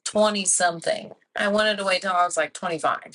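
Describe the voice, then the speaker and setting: A woman's voice: fairly low pitch, fairly quick, slight background noise, poor audio. Chatty young woman telling a story. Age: 20s. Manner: rambling, animated storyteller full of "like". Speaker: podcast guest. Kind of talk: casual chat.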